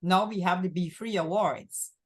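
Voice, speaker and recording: A woman's voice: lowish voice, normal speed, slightly rough. Rambling woman from Guyana hosting. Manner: rambling, repeats herself. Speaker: host. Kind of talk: community access TV talk show.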